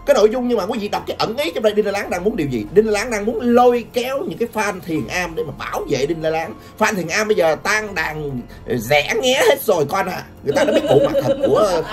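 Older woman, taunting gossip vlog, very lively pitch. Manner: taunting, laughs often, addresses viewers constantly. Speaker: gossip vlogger. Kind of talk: mocking gossip commentary. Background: background music.

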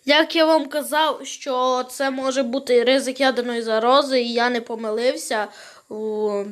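A woman's voice: sits high, steady tone, moderate pace. A woman giving reaction commentary to viewers, hesitant and full of fillers. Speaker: video reactor.

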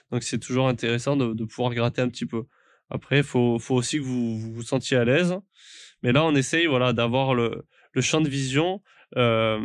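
A man talks through a racing setup tutorial, stopping and restarting his sentences. His voice sits at a middle pitch. It is recorded dry and close on a desk microphone at home. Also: no room sound. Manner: rambling with many fillers and restarts. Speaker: sim racing YouTuber. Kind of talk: casual tutorial walkthrough. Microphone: studio microphone at a desk.

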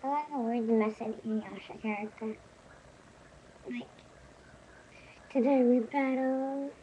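In a small room, a young woman jokes around in front of her webcam, rambling sillily about her looks while using face filters. Her slightly high voice stays steady and slow, and the noisy webcam recording cuts off the highs.

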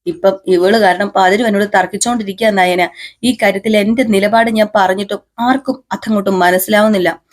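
A woman's voice: medium pitch, steady tone, fairly quick, natural voice. A woman voicing a stern, unforgiving older mother-in-law with a curt, scolding way of speaking. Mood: defensive.

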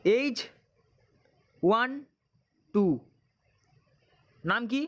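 Man, teacher, very high pitch, question-and-answer drilling, exam-prep lesson. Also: lively intonation, drawn-out words, dull audio.

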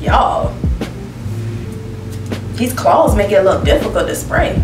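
This is a young female beauty vlogger casually reviewing perfumes on camera. Her mid-range voice moves at a measured pace as she reads the descriptions aloud and reacts expressively, often laughing. Recorded indoors in a living room with plants, the mic is set back, so there's a roomy echo and music behind her.

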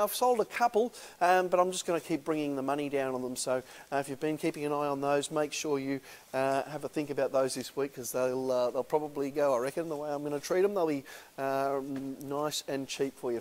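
An Australian auctioneer in his thirties, with a fairly high voice, leads a casual, upbeat sales walkthrough of a big indoor warehouse, dropping plenty of "uh"s along the way.

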